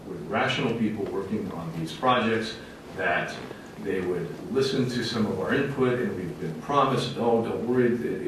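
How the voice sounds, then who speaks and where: A man addresses a committee as a fire officer in a public presentation, sounding emphatic, plainspoken and folksy. The setting is a large indoor meeting room, and the recording is very echoey, made from a distant mic with a faint rumble.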